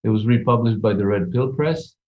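A man from Croatia, an author guest on a panel, speaking haltingly with many fillers. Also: fairly low pitch. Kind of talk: casual panel talk. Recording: tinny phone-like line.

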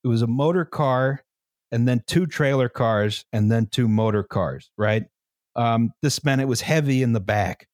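A man's voice: medium pitch, moderate pace, darkish tone, dry recording, clean studio sound. A man hosting a casual history podcast, explaining at length with many fillers and checks of "right?". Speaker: podcast host presenting the history.

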